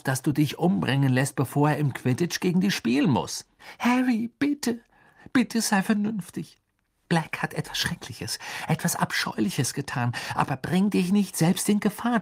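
A man voicing a clever, anxious teenage schoolgirl in an audiobook, urgent and pleading, with a husky voice. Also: on the high side, expressive, unhurried, pitched above the performer's own voice, full character voice. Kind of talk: audiobook character voice.

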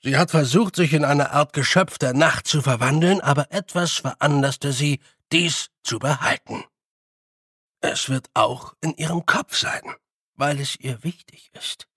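A man's voice: on the high side, a little slow, sharp tone, husky, no room sound, clean studio sound, exaggerated voice. A man voicing a tiny, brash fairy-folk leader who blusters and improvises excuses. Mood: explaining.

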